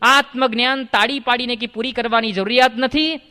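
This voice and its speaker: A man, a swami, gives a sermon and tells a parable in a lively way, acting out the characters. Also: extremely high pitch, fairly quick, smooth. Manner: animated storyteller, acts out the characters. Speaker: swami giving a religious discourse. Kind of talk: sermon with storytelling. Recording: long hall reverb.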